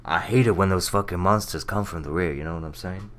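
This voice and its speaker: A man's voice: low-pitched, fast talker, fairly bright tone, slight background noise. Rambling, foul-mouthed gaming man. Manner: rambling, profane, jokey. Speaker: let's play host. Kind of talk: gameplay commentary.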